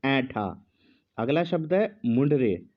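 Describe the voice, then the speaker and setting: Guy giving a slow spelling dictation, repeats every word, kinda dull audio. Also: mid-range voice, expressive. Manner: speaks slowly with pauses, repeats each word. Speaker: Hindi teacher.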